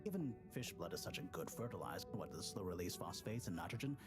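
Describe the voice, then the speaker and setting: A man's voice: low-pitched, sing-song, fast, faint music behind. An actor playing a fidgety, scatterbrained man who rambles in a video game. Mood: flustered. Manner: flustered, rambling, talks before he thinks.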